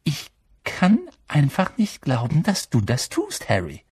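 Man doing a shrill bossy schoolgirl, much higher voice, husky edge, dry sound. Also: wildly swooping pitch, a little slow, a little mellow, no room sound, exaggerated voice. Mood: reproachful. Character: bossy know-it-all schoolgirl, shrill and indignant.

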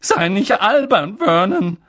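A man's voice: high-pitched, sing-song, slow, fairly bright tone, pitched above the performer's own voice, exaggerated voice. A male audiobook reader voicing a snappish, scolding middle-aged aunt. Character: shrill, cross aunt, middle-aged woman.

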